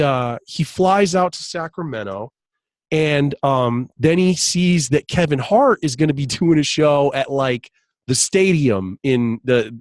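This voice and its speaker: A man's voice: a little high, no room sound. A man telling a story in casual podcast chat, laughing often and acting out quoted lines. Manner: animated, laughs often, acts out quotes in raised voice. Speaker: podcast guest, hypnotist.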